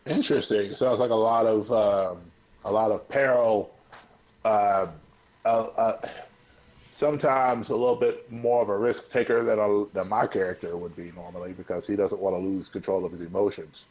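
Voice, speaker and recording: A man hosting a podcast chat in a relaxed, thoughtful way. His voice sits a little low. The recording sounds somewhat muffled and lo-fi. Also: normal speed. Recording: slightly muffled lo-fi audio.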